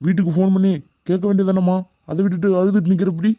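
A man's voice: high-pitched, flat delivery, racing, dry recording, phone-quality sound, natural voice. A man voicing a stern scolding college lecturer. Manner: scolding, demanding answers. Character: stern middle-aged male college lecturer, strict. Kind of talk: animated cartoon dubbing.

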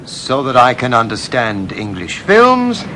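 A man's voice: medium pitch, wildly swooping pitch, very slow, pushed and bright, slight background noise, heavily acted. A man playing a learner in a scripted dialogue for a language course.

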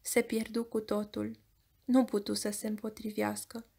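A woman with a Romanian accent reading an audiobook in a measured storytelling voice. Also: medium pitch, level tone, gravelly, warm tone, husky. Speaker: audiobook narrator.

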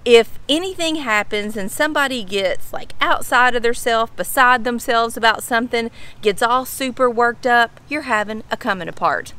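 Her voice is fairly high, sharp, clear and resonant. A middle-aged woman from Kentucky with a Southern drawl, she vlogs from a home pool patio, casually explaining slang to camera with folksy charm and repeated phrases for emphasis.

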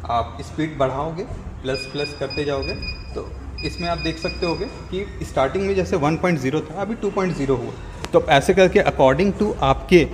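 A young man, a gym member, explaining things on camera in a steady, instructive way, mixing English words into his talk, recorded on a lapel mic in an indoor gym. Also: fairly high pitch. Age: young adult. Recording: reverberant gym with faint ambient noise.

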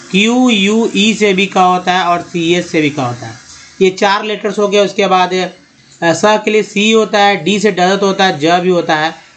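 A man's voice: high voice, a bit bright. A man teaching English pronunciation from slides, patient, repeating himself and asking the viewer questions.

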